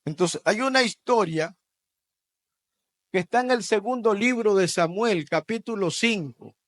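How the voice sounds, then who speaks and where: A man preaching a sermon, swinging from loud bursts to hushed asides and leading the congregation in repeating phrases. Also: sits high, a little slow, dry recording. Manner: leads the congregation in call-and-repeat. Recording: dry radio broadcast.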